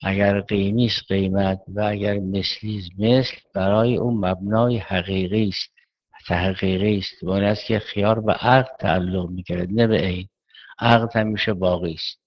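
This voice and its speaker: Man, low voice, seminary law lecture, measured step-by-step reasoning, muffled lo-fi sound. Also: steady tone. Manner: measured reasoning, poses and answers questions. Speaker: Islamic jurisprudence teacher.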